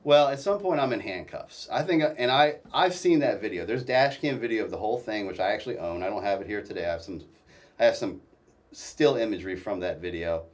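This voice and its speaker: A man telling his own story as a guest in a casual interview, halting and restarting often. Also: lowish voice, expressive, recorded from a distance.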